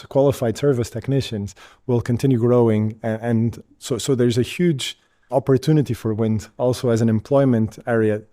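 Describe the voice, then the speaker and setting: A man from Portugal, an industry representative, explaining in an interview in a halting way that repeats words at the start of phrases. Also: mid-range voice, mellow, no echo, studio quality. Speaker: wind energy company representative.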